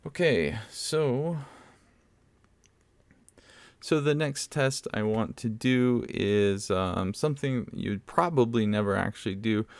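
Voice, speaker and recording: Here a microphone reviewer with a lowish voice explains at a slow pace, chatting casually as he shows off a product. He sits fairly close to a condenser mic on a mixer in an open room at home, inside a dome house, and the recording is dry.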